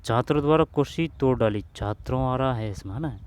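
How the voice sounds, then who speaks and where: A man talking through old exam questions in a relaxed, informal lesson. He mutters and repeats phrases while he works each one out, and keeps checking in with the viewer. His voice sits at an ordinary middle pitch. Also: fairly quick, clean tone. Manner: thinks aloud, repeats phrases, mutters to himself; addresses viewers as bhai, asks if they understood. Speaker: exam coach. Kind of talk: casual Hindi grammar lesson solving old exam questions.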